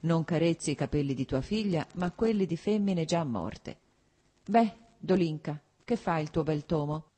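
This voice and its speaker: A woman reading a gruff teasing old prince. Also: low-pitched, animated, normal speed, dark tone. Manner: wry, then blustering.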